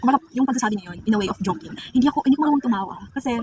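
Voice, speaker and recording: Brief: rapid-fire chatty woman vlogger, confiding tone, mic set back from her with room noise. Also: a little high, lively intonation, far from the mic. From Philippines. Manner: chatty, confiding, addresses viewers as girl. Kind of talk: casual confessional vlog.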